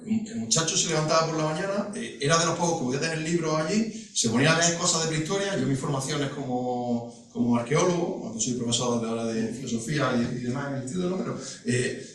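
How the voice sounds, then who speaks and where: A middle-aged man recounts a personal story at a panel talk. He halts, restarts and adds asides as he goes. He sits far from the mic in a large hall that rings with echo. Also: mid-range voice. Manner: halting, with many restarts and asides. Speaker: guest speaker at a panel talk. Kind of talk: personal storytelling to a live audience.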